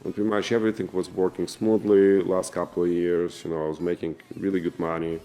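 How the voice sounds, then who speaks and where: A man in his forties with a Russian accent, telling his own story to camera in an earnest, halting way with many fillers and restarts. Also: low-pitched, flat delivery, mellow. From former Soviet Union. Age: 40s. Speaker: vlogger and businessman. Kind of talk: casual personal storytelling to camera.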